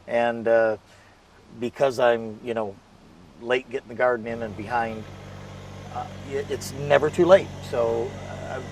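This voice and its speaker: A man with a gravelly, fry-edged voice rambles casually to the camera with plenty of fillers and restarts. He stands back from the microphone outdoors, with faint ambient noise behind him. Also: mid-range voice, fairly even intonation, unhurried, a little mellow, recorded from a distance. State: out of breath. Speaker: gardening video host. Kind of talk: casual vlog talk to camera. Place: outdoors in a garden.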